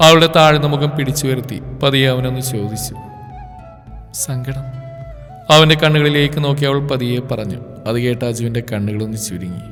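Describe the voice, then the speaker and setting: A man's voice: mid-range voice, fairly bright tone. Emotive male storyteller with reverb. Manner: slow, emotive reading. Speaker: story presenter. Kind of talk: scripted story narration. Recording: reverb with background music.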